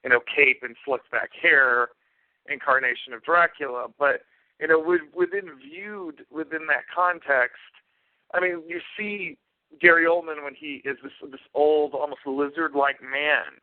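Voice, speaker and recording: A man's voice: fairly high pitch, fairly even intonation, measured pace, dry recording. A man co-hosting a casual film review podcast, speaking hesitantly with many fillers and restarts. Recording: phone-like remote call line.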